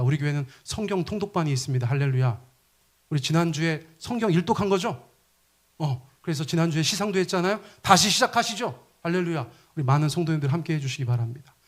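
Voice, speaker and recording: Dramatic preaching man, slightly high voice. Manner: dramatic, asks the congregation questions and acts out quoted lines. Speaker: pastor. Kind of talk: sermon.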